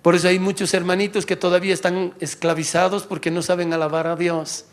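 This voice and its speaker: A male pastor preaching a sermon in church, animated, swinging from loud exhortation to quiet asides. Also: sits high, fairly quick.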